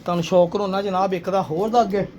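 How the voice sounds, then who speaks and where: A man showing his pigeons one by one, with a persuasive sales pitch aimed at the viewer. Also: steady tone, racing, noisy background. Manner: persuasive, addresses viewer as sir and brother. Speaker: pigeon seller showing birds.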